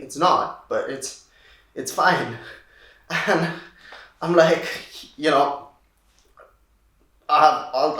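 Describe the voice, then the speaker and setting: A man's voice: on the high side, pushed and bright. An actor playing a young man who rambles wryly and laughs through his grief after his mother's death. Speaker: actor in a showreel scene. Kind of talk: comic monologue. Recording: echoey room.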